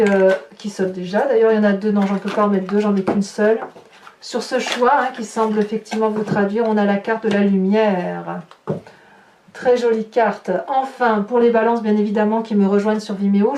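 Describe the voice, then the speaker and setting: A woman with a medium-pitched, darkish voice hosts tarot and horoscopes and here improvises a chatty reading for viewers. She comments on the cards as she turns them and ends phrases with little interjections. Sound is echoey and distant, with faint noise.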